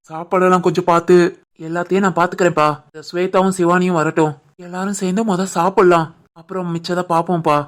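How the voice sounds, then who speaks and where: A woman voicing an earnest, soft-hearted young husband and son in an animated family drama, with a Tirunelveli Tamil accent. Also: lowish voice, natural voice. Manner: earnest, pleading.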